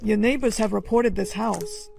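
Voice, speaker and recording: A woman's voice: mid-range voice, normal speed, vocal fry. A woman acting out several roles, such as a mother and an officer, in comedy skits, with a bossy, snappy delivery and background music.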